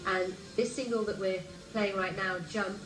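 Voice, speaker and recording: A woman news presenter reading the news in a measured, formal way. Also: mid-range voice, steady tone, background noise. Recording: roomy, with music underneath.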